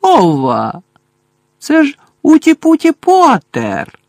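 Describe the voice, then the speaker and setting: A cackling male poltergeist, shrill and loud, slow mocking sing-song, audiobook. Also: wildly swooping pitch, no room sound, exaggerated voice. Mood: taunting.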